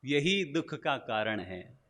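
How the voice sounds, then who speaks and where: A man's voice: medium pitch, very animated, slow, a bit bright. A male monk preaching a sermon, telling anecdotes and asking rhetorical questions. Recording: long hall reverb.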